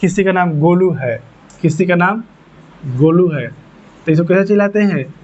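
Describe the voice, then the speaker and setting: In a slightly high, darkish voice at a moderate pace, a male teacher gives a classroom lesson step by step. He repeats each point and answers the questions he raises himself. The audio is muffled, dull and lo-fi.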